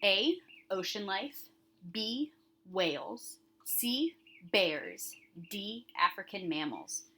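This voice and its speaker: With big pitch swings and a bright, forceful tone, this elementary teacher takes things slowly in a medium-pitched voice. She reads out questions and options to her pupils, emphasizing key words and coaching them directly through each one.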